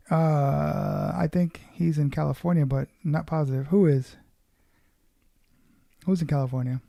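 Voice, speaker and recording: A man from Puerto Rico, born in New York, chats casually on a guitar stream, greeting people by name and cursing lightly. His voice sits a bit high, with a mellow, gravelly tone. The sound is dry and close, with no room around it. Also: dry recording. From born in New York, raised in Puerto Rico. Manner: loose, chatty, greets viewers by name, swears casually. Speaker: livestream host and guitarist. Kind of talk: casual livestream chat reading comments.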